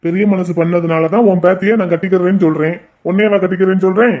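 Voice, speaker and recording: A man's voice: sits high, fairly even intonation, fast talker, close to an everyday voice. An actor voicing a powerful, smug elderly man who menaces a family in a cartoon, boastful and coaxing. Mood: mocking. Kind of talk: cartoon voice acting. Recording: dull, lo-fi sound.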